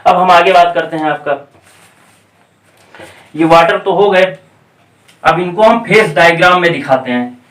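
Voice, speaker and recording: A male coaching teacher lectures in a classroom, walking through each idea step by step and checking in with the class. He slows down to dictate English technical definitions. His fairly high voice is picked up from a distance, with a lot of room echo. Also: fairly bright tone. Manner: explains step by step, checking in with repeated "theek hai". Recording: echoey room, voice off-mic.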